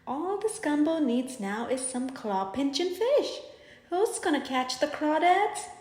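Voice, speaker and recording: A woman's voice: sits high, big pitch swings, unhurried, a little mellow, echoey room. A woman voicing a grumbling, weary old male alligator in a storybook. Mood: determined.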